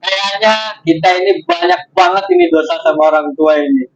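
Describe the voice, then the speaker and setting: Man, religious teacher, lively storyteller, high voice, dull lo-fi sound. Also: brisk, vocal fry. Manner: lively storyteller, slangy asides.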